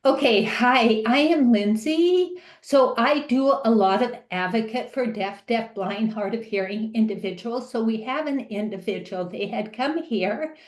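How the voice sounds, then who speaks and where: A woman speaking as a live interpreter, voicing a deaf advocate's question on a webinar in halting speech with restarts. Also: fairly high pitch, roomy sound. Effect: live sign language interpreter voicing a deaf participant's question.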